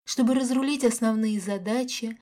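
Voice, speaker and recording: A woman reading a romance novel aloud as an audiobook narrator, with a calm, even delivery. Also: fairly high pitch, normal speed. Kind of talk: scripted narration.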